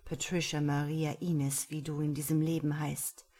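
A woman voicing a low, seductive ageless lover. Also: little pitch movement, normal speed, mellow. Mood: insistent.

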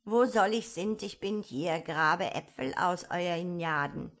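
A woman's voice: on the low side, a little slow. A woman voicing a simple-minded male servant who mangles his words in a dull, dialect-like way. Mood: puzzled.

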